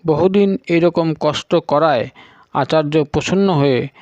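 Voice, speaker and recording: A male storyteller giving a scripted narration of a scripture story in a steady, solemn way. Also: a little high, measured pace, dry recording. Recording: dull lo-fi recording.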